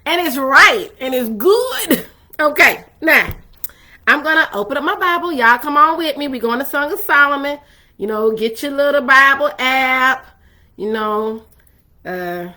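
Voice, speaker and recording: A woman teaching from the Bible in a chatty, animated way, full of asides to her listeners. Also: sits high, a little slow.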